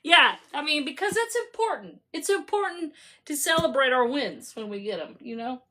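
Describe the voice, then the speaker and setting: A young adult woman hosting a book club live, chatting casually, giggly and animated. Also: high-pitched, moderate pace. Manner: giggly, animated, jumps into voices. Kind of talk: casual chat.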